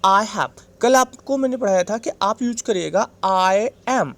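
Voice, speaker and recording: A male English teacher with an Indian accent and a voice that sits high takes his class through a grammar lesson step by step. Patient and repetitive, he restates each point and keeps checking in with "right?" to make sure everyone follows.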